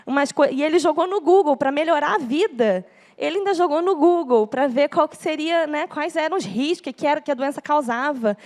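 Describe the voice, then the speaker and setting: A woman's voice: high voice, a little mellow. A young Brazilian woman with a Brazilian Portuguese accent giving an earnest church testimony to a congregation, acting out the words of others as she tells it. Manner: earnest storytelling, acts out quoted speech.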